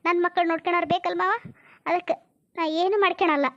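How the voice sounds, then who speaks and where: A woman's voice: very high-pitched, steady tone, fast talker, a bit bright. A woman with a North Karnataka accent playing a quarrelsome village woman who scolds sharply and then pleads tearfully, in a comedy drama. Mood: pleading. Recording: dull lo-fi sound.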